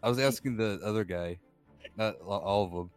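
A man with a low voice banters as a tabletop game player. His remarks are dry and casual, over faint music. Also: fairly quick, clean tone.

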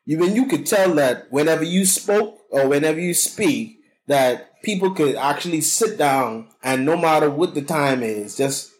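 The audio is poor, but the man's fairly high voice carries lively intonation at a normal speed. A Bahamian cannabis consultant, he's a loud, chatty guest in a casual interview, telling his story and repeating words often.

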